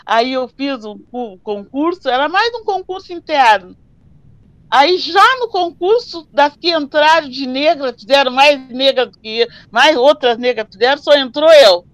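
An older woman, recalling her working life in an oral history interview and telling her stories in an animated way. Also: high voice, a little slow, no room sound. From southern Brazil. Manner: animated storyteller who acts out dialogues. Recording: slightly dull, dry recording.

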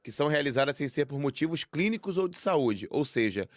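A man's voice: a little high, big pitch swings, brisk, no echo, clean studio sound. A man with a Brazilian Portuguese accent co-hosting a casual live discussion, reading items aloud with hesitant fillers. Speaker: co-host.

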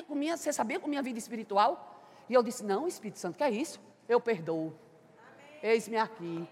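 A high-pitched woman preaches in a church, her voice carrying a long hall reverb. She moves between loud, fervent exclamations and quiet, intimate storytelling as she shares testimony. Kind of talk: sermon with personal testimony.

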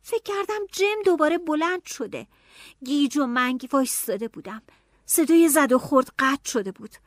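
A woman narrating a novel in an expressive audiobook style, dropping to hushed tones and rising to anxious cries. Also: high-pitched, dry recording, studio quality.

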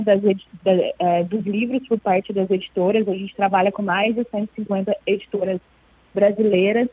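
A woman guest in an interview, explaining at length in a measured way with frequent hesitations. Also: medium pitch, slightly rough, no echo. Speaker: interview guest, children's book club representative. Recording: thin phone-line sound.

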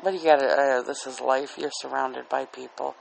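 Male solo podcaster, candid and rambling, self-deprecating, dry-throated with plenty of fry, faint music underneath. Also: mid-range voice, steady tone, moderate pace, low-quality recording. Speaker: podcast host. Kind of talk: rambling casual solo monologue. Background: soft relaxing music.

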